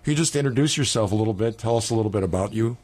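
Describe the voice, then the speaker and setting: A man hosting a radio talk show as rector of a seminary, speaking in a measured, earnest way. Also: lowish voice, a little mellow.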